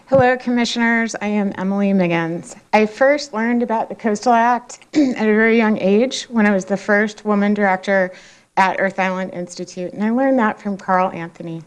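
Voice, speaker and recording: A woman's voice: medium pitch, clean tone. Emotional woman speaking at a public hearing. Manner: halting, with many fillers and restarts. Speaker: public commenter.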